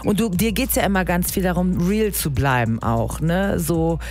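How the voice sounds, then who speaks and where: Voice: mid-range voice, moderate pace, darkish tone, soft background music. A radio host doing a casual interview, chatty and joking while asking questions.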